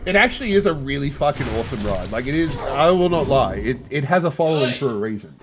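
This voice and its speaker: A man's voice: mid-range voice, very animated, fast, a crowd in the background. A man chatting casually on a stream, rambling and swearing freely.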